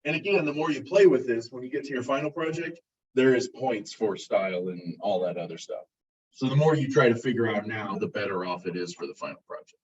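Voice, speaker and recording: A male college instructor giving a casual classroom lecture, relaxed and self-described as monotone. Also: mid-range voice, brisk, slight background noise. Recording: muffled, distant classroom recording.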